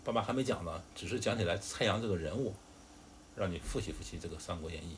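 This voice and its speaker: A man's voice: sits low, fast, slight background noise. A father casually retelling a classic tale to his child, chatty and explaining, with fillers and asides. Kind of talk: casual storytelling.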